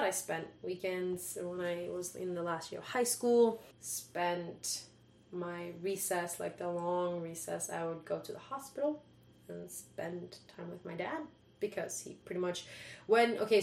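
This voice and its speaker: A woman's voice: lowish voice, creaky. A young woman, talking candidly and casually as a podcast guest. She swears freely and laughs as she speaks. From Sweden. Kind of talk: casual conversation. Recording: echoey room.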